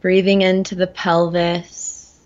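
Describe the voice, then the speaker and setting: A woman leading a guided meditation in a gentle, soothing manner, slowly and with long pauses. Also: fairly low pitch, level tone, dull audio. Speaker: guest guiding a meditation.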